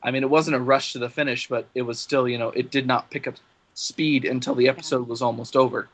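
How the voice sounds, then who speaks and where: A man's voice: medium pitch, flat delivery, fast talker. Guy co-hosting a fan podcast, rambly with lots of ums, got the hiccups, pretty average voice. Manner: rambling, with fillers and restarts. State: has the hiccups. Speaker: podcast co-host leading the discussion. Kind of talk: casual fan podcast chat.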